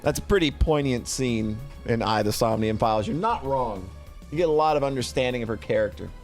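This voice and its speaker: Animated and a little fast, this middle-aged man's mid-range voice carries a casual livestream where he presents a tier list. He rambles playfully, repeats himself often, and faint music runs behind him.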